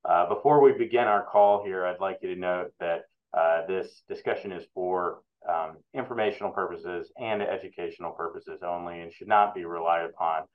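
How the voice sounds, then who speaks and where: A research analyst with a very low voice hosts a webinar interview in a relaxed but halting way. He pauses often and fills the gaps with many ums and uhs, and the audio sounds thin, tinny and phone-like, as if from a video call.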